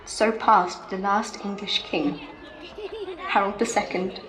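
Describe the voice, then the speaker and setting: A woman's voice: medium pitch, fairly even intonation, slow pace, a bit bright, reverberant, rough recording. A woman playing a grieving medieval noblewoman, speaking in solemn archaic phrasing. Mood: sorrowful. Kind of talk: dramatic historical monologue.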